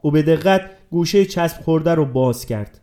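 A man narrating a story aloud in a calm, measured way. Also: on the high side. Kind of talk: audiobook narration.

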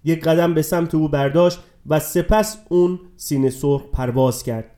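A man narrating a story aloud in a calm, measured way. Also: on the high side. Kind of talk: audiobook narration.

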